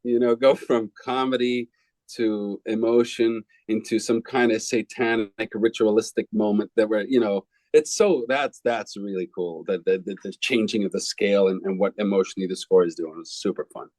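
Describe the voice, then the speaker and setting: A man in his forties from Belgium, a film composer answering interview questions in a relaxed, rambling way with frequent restarts. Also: fairly low pitch, normal speed, no echo, low-quality recording.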